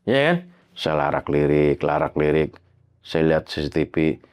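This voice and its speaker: A man telling his own horror story in a casual, slangy way. He swears freely and acts out the bangs and creaks he heard. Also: very deep voice, measured pace. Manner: animated, imitates sounds like bangs and creaks.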